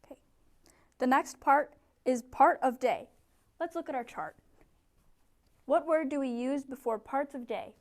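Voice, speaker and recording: High-pitched young woman teaching a little esl class, clear and encouraging, picked up from across the room. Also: unhurried, long pauses. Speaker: ESL tutor. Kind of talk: teaching a small group lesson.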